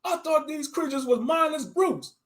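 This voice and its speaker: A man voicing a nervous, easily shocked human interviewer who exclaims in a high voice, in a narrated monster story. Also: moderate pace, a bit bright.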